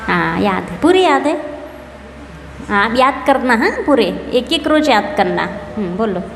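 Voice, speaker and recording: A woman, a nun, patiently leading a scripture recitation class, correcting pronunciation and gently teasing her students. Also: on the high side, very animated, a little slow, vocal fry. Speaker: Jain nun teaching scripture. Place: temple hall. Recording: echoey hall with long reverb, faint hiss.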